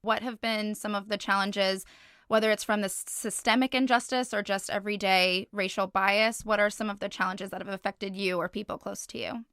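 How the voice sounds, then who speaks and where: A woman's voice: mid-range voice, steady tone, fairly quick, a bit bright, clear, resonant tone, no echo, clean studio sound. A woman interviewing a guest, asking earnest, carefully worded questions. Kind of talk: candid sit-down interview.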